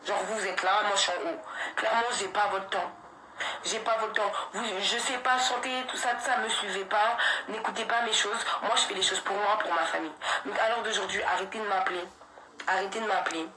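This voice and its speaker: Defiant young Frenchwoman ranting, bright voice. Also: mid-range voice, steady tone, a little fast, slight background noise, poor audio. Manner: defiant, repetitive, slangy, with laughs breaking in. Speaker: livestreamer addressing her followers. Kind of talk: heated live-stream rant.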